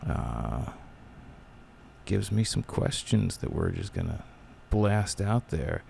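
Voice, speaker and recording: A man's voice: fairly low pitch, big pitch swings, slow pace, vocal fry, darkish tone, a little hiss or hum. A man hosting a casual podcast chat, talking in a rambling, laid-back way close to the mic, with his breathing audible. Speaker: podcast host.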